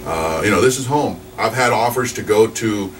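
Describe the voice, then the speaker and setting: A man's voice: lowish voice, animated, moderate pace. A man in his forties, a radio DJ from New Mexico, chatting casually in an interview with lots of fillers and restarts. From New Mexico, USA. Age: 40s. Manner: rambling, upbeat, chatty with many fillers. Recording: distant mic with noisy background.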